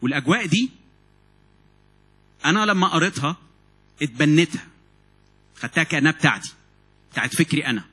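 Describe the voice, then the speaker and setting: A man with an Egyptian Arabic accent preaching a sermon in an animated way, often repeating and restarting words. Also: fairly high pitch, quick pace, long pauses, breathy edge. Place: church meeting hall.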